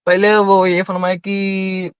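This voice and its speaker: A man calling into a debate, halting and deferential, stumbling as he explains. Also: sits high, monotone, smooth. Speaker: caller. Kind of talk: debate on a call. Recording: dull, dry lo-fi audio.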